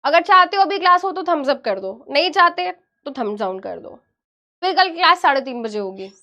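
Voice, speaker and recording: A woman's voice: high-pitched, sing-song, a little fast, pushed and bright. A woman teaching a live online biology class, chatty and playfully scolding, dropping English words into her speech.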